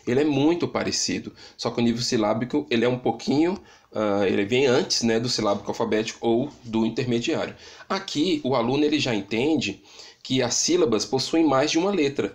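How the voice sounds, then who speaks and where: A man with a Brazilian Portuguese accent recording a lecture from his home, explaining step by step and often checking in with "né?". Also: medium pitch. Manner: explanatory, frequent "né?" tag questions. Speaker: teacher. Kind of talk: recorded lecture on literacy stages. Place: home with an open window.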